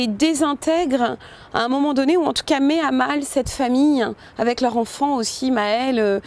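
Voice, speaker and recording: Woman director, interview; high voice, informal, thoughtful, hesitant phrasing. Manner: thoughtful, many hesitations and restarts; informal, addresses listener with "tu vois". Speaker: film director. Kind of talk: interview about her film.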